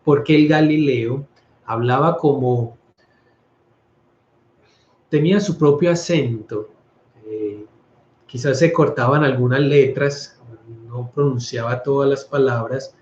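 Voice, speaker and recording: Colombian priest giving a roomy, conversational talk. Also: male voice, mid-range voice, slow pace, pauses often, a little mellow. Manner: conversational, stumbles and restarts words. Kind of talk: informal scripture talk. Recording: roomy, slightly dull recording.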